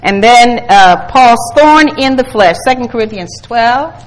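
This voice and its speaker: A woman's voice: fairly high pitch, animated, measured pace, poor audio. A woman teaching a Bible study to a group, earnest and calling for responses, building to emphatic exhortation.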